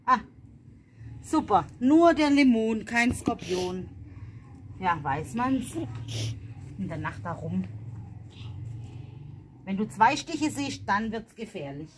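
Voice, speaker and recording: A woman's voice: medium pitch, very animated, slow pace, pauses often. Mom vlogging from her garden at night, chatty, talks right at the camera, bit of background noise. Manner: chatty, addresses viewers directly. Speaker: vlogger, mother. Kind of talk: casual family vlog.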